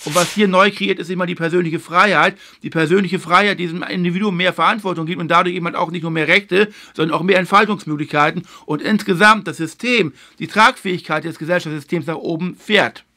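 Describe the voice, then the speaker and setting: A man hosting a video lecture series, explaining history in a measured way and stressing his key points. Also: high-pitched, pushed and bright. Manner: filler phrase "eben halt".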